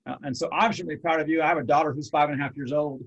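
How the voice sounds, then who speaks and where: A middle-aged man hosts a casual interview. He talks in an earnest, rambling way, stopping often to reflect. His voice sits slightly high for a man. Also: fairly even intonation, racing, breathy edge, highs cut off. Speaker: host.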